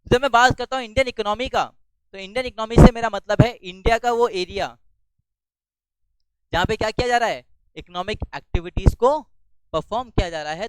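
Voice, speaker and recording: Loud high-voiced male teacher. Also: smooth, dry recording, rough recording. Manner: loud teaching voice, asks questions and answers them himself. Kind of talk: classroom lecture. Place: classroom.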